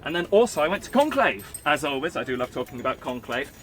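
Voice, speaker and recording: Bright-voiced playful man telling a tale. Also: a little high, quick pace, slight background noise. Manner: playful, rambling, animated storyteller. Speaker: vlogger recounting a live-action role-play event. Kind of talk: casual in-character storytelling chat.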